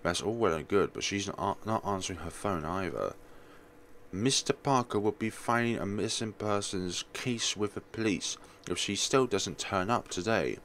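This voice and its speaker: A man voicing a prim, dry male aide from a visual novel in a formal, measured way. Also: lowish voice, fairly bright tone, slight background noise.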